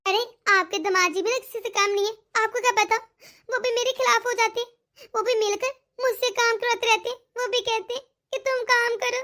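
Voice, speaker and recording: A woman's voice: very high-pitched, steady tone, brisk, bright, forceful tone. A woman voicing a self-pitying young married daughter in a cartoon, whining and complaining. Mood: whiny. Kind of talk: cartoon dialogue.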